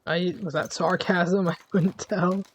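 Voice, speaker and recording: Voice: mid-range voice, fairly even intonation, measured pace, muffled recording. Easygoing streamer laughing through gameplay. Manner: easygoing, laughs often, jokey asides. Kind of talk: casual gameplay commentary.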